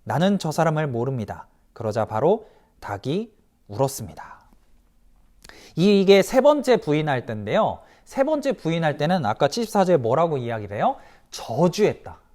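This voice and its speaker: A man giving a children's sermon as pastor, telling the story in a lively way, asking the kids questions and acting out the quoted voices. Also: on the high side, normal speed.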